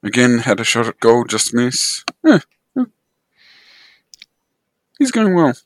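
An Australian man co-hosting a casual sports discussion on an online call, measured and hesitant as he searches for words. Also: mid-range voice, big pitch swings, no room sound, clean studio sound. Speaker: sports podcast co-host. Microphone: online call microphone.

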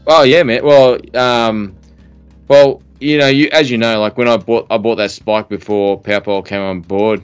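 A man's voice: medium pitch, steady tone, moderate pace, clean tone, soft background music. A man chatting casually as a fishing podcast host, in a laid-back, slangy way. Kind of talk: casual chat.

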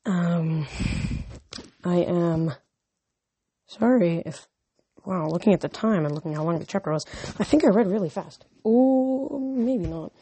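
A man's voice: fairly high pitch, unhurried, pauses often, warm tone, breathy edge. Young man casually reading a novel aloud. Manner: casual, a little rambling in asides. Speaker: reader of a novel.

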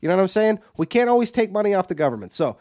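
Profane ranting man, slightly high voice. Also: big pitch swings, very fast, a little mellow. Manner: profane, ranting, repeats himself. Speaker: podcast co-host. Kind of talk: crude comedic rant.

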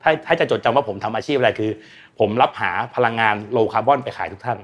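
A man's voice: medium pitch, a little fast, fairly bright tone. A man talking as a guest expert on energy and climate in casual, blunt, slangy speech, acting out quoted voices. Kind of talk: casual explanatory talk.

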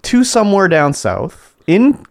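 A man's voice: high voice, wildly swooping pitch, measured pace, creaky, dry recording, studio quality. A man, co-hosting a podcast and telling a casual story about his office, acting out what his coworkers said. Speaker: podcast co-host. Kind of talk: casual chat.

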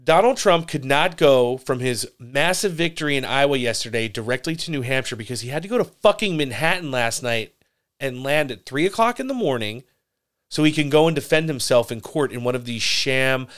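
Brash man with a smooth clear voice. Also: mid-range voice, expressive, fairly quick, fairly bright tone. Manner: brash, opinionated, swears freely. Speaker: podcast co-host. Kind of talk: casual political commentary.

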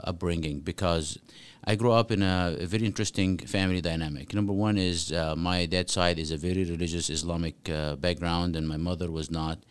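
Low-voiced man, earnest guest. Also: smooth. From Egypt. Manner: earnest, many fillers and restarts. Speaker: guest author. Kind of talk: podcast interview.

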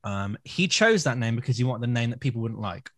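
A man's voice: medium pitch, lively intonation, a little fast. British man bantering on a podcast. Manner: bantering, informal. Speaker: podcast co-host. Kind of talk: casual chat, music discussion.

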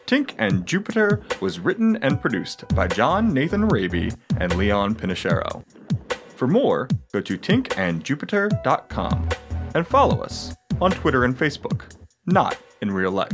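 A man's voice: medium pitch, wildly swooping pitch, normal speed. A man working as an announcer, reading scripted credits for a show. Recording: loud-enough music behind the voice. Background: music.

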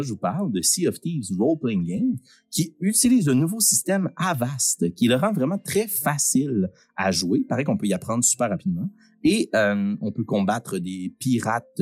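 A Québécois man hosting a live giveaway in a booming prize-announcer manner, informal and joking, with some swearing. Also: darkish tone, breathy edge, dry recording. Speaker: host of a live-streamed prize draw.

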